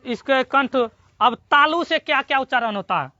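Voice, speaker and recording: A teacher giving a classroom grammar lesson, drilling students with repeated questions and slowly sounding out syllables. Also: sits high, sharp tone, no echo. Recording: dull lo-fi recording.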